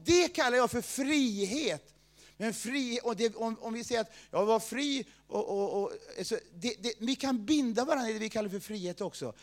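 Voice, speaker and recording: A man preaching a sermon, telling a personal story, swinging between loud outbursts and low asides.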